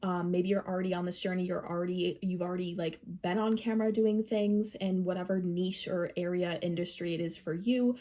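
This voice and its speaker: A woman's voice: on the low side, fairly even intonation, a little fast, hardly any pauses, mellow. Nasal woman giving a rambling tarot reading. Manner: rambling, filler-heavy, many "like"s. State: recovering from a cold. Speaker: tarot reader. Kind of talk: casual tarot reading to camera.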